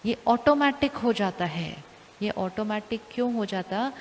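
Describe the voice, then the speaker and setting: Calm woman teaching in a reverberant hall. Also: mid-range voice, unhurried. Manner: calm, repeats questions to the audience. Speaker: spiritual teacher. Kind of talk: spiritual talk to an audience. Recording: long hall reverb, faint hiss.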